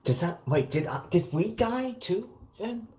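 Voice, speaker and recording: A man's voice: sits high, sing-song, unhurried, a loud crowd. A man playing a tabletop game, talking casually in character in a rambling, apologetic way.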